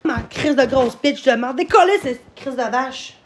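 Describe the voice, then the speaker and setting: A woman with a Québécois French accent, talking live to her chat, swearing constantly, repeating herself and bursting into shouts. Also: high voice, unhurried, a little hiss or hum. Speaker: livestreamer answering her chat. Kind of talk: live-stream rant.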